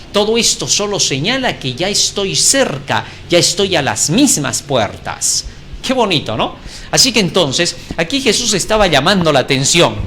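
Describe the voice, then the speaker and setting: A man's voice: on the high side, bright, forceful tone, a little hiss or hum. A man preaching a sermon, reading scripture dramatically and asking rhetorical questions.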